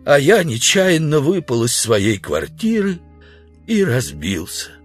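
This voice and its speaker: Man voicing a feeble dying stranger, raised pitch, drawn-out groans, husky. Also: very animated, soft background music, exaggerated voice. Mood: weary. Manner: groaning, slow.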